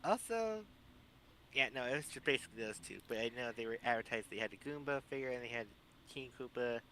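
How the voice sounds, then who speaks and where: A man's voice: medium pitch, expressive, quick pace, bright, forceful tone, slight background noise. A man co-hosting a casual podcast chat, often stammering and restarting his sentences. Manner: stammering restarts, reads out lists. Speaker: podcast co-host.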